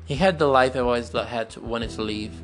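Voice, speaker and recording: Soft music plays behind a young Brazilian man with a mid-range voice as he tells a personal story on his podcast, recorded on a phone. English isn't his native language; Portuguese is, and his accent is Brazilian. His manner is slow, candid, and searching, broken by pauses and restarts.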